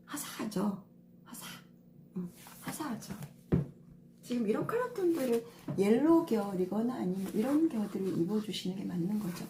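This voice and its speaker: A woman's voice: a little high, noisy background. A middle-aged woman stylist giving a casual lesson on color coordination, patient and step by step with many fillers. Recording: echoey room with faint ambience.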